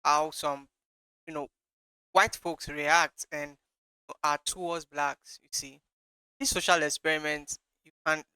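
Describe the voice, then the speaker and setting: A man hosting a reaction channel, talking casually to viewers in a loose, halting way with many fillers. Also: fairly high pitch, fairly even intonation, sharp tone, smooth, no echo, rough recording.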